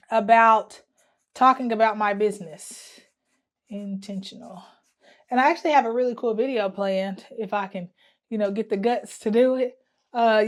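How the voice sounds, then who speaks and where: A woman vlogging casually as she plans her travel business marketing, thinking aloud with lots of fillers and restarts. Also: a little high. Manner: hums to herself while working at the wall. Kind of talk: casual talking-to-camera planning vlog.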